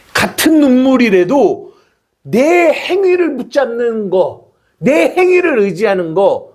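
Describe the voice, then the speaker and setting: A man's voice: sits high, slightly rough. A male pastor preaching a sermon, acting out prayers and imagined dialogue as he explains his point.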